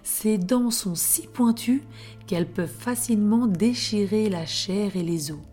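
A woman narrating a children's bedtime story in a hushed, unhurried way, often slipping into a whisper. Her voice is mellow and warm, at an even middle pitch. Gentle music plays faintly underneath.

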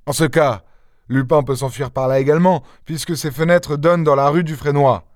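A man voicing an anxious but authoritative police chief who speaks in a measured, commanding way, for an audiobook. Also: fairly high pitch, fairly even intonation, dry recording, studio quality, lightly acted. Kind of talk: audiobook character voice.

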